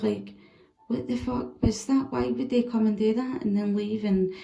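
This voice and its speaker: A woman giving a casual, chatty tarot reading, animated and swearing freely. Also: mid-range voice, creaky, reverberant. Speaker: tarot reader.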